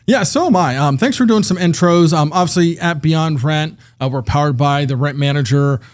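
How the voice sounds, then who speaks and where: In a recording studio, a man hosts a podcast interview, chatting in a friendly, conversational manner with some fillers. His voice is fairly high and his speed normal.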